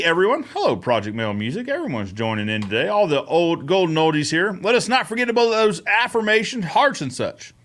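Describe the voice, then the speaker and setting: A man's voice: fairly high pitch, sharp tone. Upbeat chatty man hosting a live Q&A. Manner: upbeat, chatty, greets viewers by name. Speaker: host of a live Q&A show. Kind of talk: casual live-stream Q&A.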